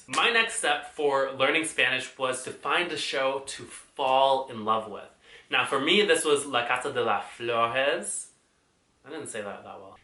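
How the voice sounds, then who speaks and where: A man's voice: mid-range voice, bright, forceful tone, roomy sound. A man talking casually in a vlog, chatty and playful, with exaggerated outbursts. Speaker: vlogger.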